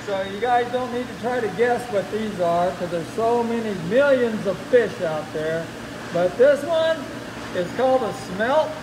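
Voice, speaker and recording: High-voiced man through a face mask, noisy room. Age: middle-aged. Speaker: aquarium animal keeper and guide. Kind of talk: casual educational live talk. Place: noisy indoor aquarium work room. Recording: noisy pump-filled room with loud hum.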